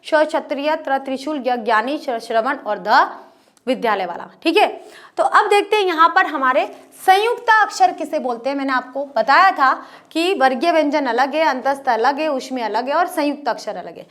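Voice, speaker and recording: A woman teacher who explains step by step, repeats letters slowly and asks her pupils questions. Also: high voice, expressive, a bit bright. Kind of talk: online class lesson.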